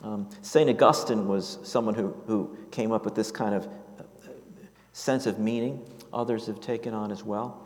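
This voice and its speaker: Low-voiced pastor preaching in a reverberant hall. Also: male voice, fairly even intonation, darkish tone. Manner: halting, with many fillers and restarts. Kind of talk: sermon. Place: church.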